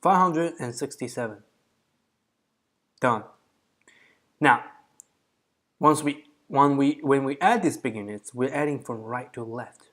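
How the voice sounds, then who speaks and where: A man's voice: medium pitch, a little slow, long pauses, a bit bright. A man hosting a coding challenge, casually thinking aloud as he walks through a problem, counting out digits and correcting himself.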